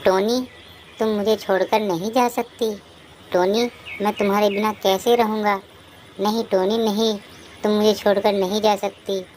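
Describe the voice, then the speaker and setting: A woman voicing a gentle, worn-out male sparrow father in a cartoon, pleading and tearful. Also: low voice, unhurried, a little hiss or hum. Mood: wailing. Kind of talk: cartoon voice acting.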